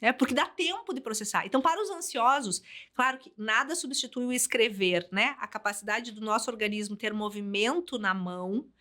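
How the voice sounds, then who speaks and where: A psychologist and couples therapist with a Brazilian Portuguese accent, explaining and giving advice in a podcast conversation. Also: female voice, a little high, fairly quick. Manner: animated, explanatory, speaks in advice.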